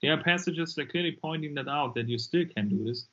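A man's voice: a little high, expressive, fast, fairly bright tone. German-accented man, emphatic, lo-fi call. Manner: emphatic, repeats words when pressing a point. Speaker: guest, deliverance minister. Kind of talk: casual interview talk. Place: dim room indoors. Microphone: earbuds on a video call. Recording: lo-fi video call audio.

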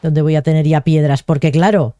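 A woman's voice: low-pitched, fairly even intonation, fairly quick, warm tone. A young woman giving casual, chatty gameplay commentary and talking to herself as she plays. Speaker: gaming video host.

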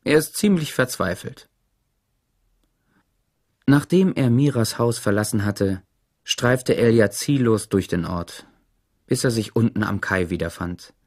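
A man narrating an audiobook in an expressive storytelling manner. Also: lowish voice, a little slow, pauses often. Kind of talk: scripted narration.

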